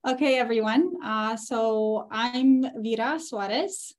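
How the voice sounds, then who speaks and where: A woman, giving a relaxed workshop talk with frequent fillers and restarts. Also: fairly high pitch, slow pace. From Ukraine. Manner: easygoing, explains with fillers and restarts. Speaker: workshop presenter. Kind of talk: conversational presentation.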